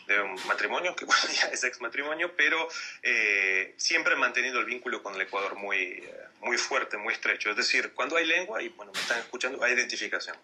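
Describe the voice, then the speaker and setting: With a mid-range voice, lively intonation, and a sharp tone, an Italian man gives political analysis as a guest on a radio interview by Skype. He halts often, hunting carefully for words and circling back with repetitions.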